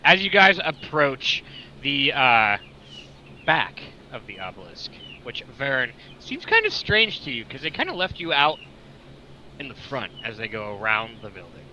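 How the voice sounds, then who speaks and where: Bright-toned casual game master man. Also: mid-range voice, wildly swooping pitch, a little slow. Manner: casual, laughing often, swearing. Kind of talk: narrating a tabletop game over voice chat. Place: home with chickens nearby. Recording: dull lo-fi mic with faint noise.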